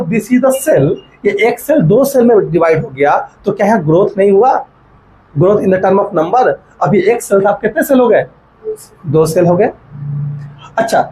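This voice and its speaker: High-voiced male biology teacher. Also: a little mellow, a little hiss or hum, low-quality recording. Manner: asks rhetorical questions and checks understanding; mixes in English terms while dictating notes slowly. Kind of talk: classroom lecture.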